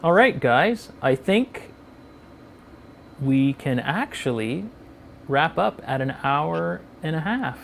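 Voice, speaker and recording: A man's voice: a little high, animated, takes it slowly, vocal fry, pauses often, a little hiss or hum. A man hosting a casual live-streamed chat, easygoing as he reads out viewer questions and answers them. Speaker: host of a live motorcycle chat show.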